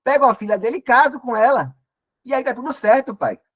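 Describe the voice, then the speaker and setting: A man's voice: extremely high pitch, expressive, fairly quick, a bit bright, voice pushed up, exaggerated voice. A man voicing Esau, the elder brother, pleading. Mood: eager.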